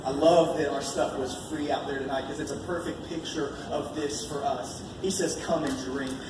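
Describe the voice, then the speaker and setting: Preaching colloquially at a live church gathering, an American man hammers points home by repeating phrases emphatically in an informal sermon. His voice is medium-pitched with fairly even intonation and a moderate pace. The recording, made at a distance in a large echoey room, is noisy.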